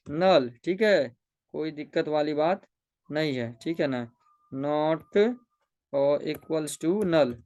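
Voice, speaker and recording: Coding tutor, male, slightly raised pitch, chatty question-and-answer walkthrough. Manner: asks questions back to the viewer and repeats fillers like "theek hai". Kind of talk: screen-recorded coding lesson.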